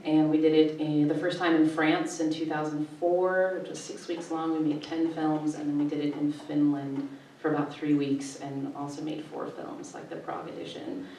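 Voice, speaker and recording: A woman in her forties speaking on an art panel, presenting her film work over slides in a relaxed, conversational way. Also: low voice, normal speed, slight background noise. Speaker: panelist, filmmaker and festival director. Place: art gallery. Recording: echoey gallery room from far off.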